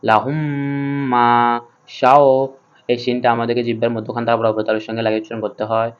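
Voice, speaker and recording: A man teaching Quran reading, spelling the text out letter by letter in a slow, methodical way. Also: medium pitch, monotone, highs cut off. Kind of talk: spelling-out Quran recitation lesson.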